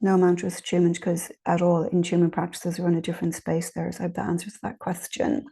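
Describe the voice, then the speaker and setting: A woman with a low-leaning, gravelly, mellow voice and a breathy edge speaks fast and in a monotone. She gives informal guided meditation teaching, answering questions in an encouraging, conversational way with frequent little check-ins.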